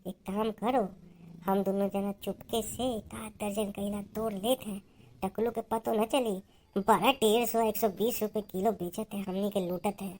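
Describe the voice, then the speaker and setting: A woman's voice: fairly high pitch, close to an everyday voice. A woman voicing a bossy elder village sister in a cartoon, who haggles and scolds in an Awadhi accent. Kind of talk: cartoon voice acting.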